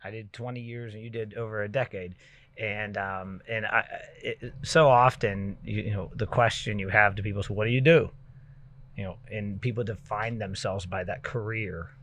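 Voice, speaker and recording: A middle-aged man hosting a podcast, chatting casually and telling stories with loud bursts when he gets excited. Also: lowish voice, normal speed, muffled recording. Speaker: podcast host. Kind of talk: casual chat.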